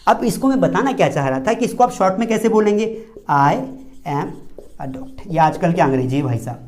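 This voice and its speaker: In this spoken English lesson filmed like a classroom, a Hindi-accented man talks fast in a high, slightly mellow voice that swings widely in pitch. He poses questions to the class, supplies the answers on his own, and says each important word twice over for emphasis.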